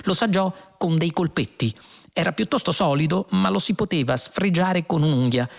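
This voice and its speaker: Man narrating a novel aloud, gravelly, fairly high voice. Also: moderate pace. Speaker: audiobook narrator. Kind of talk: scripted narration.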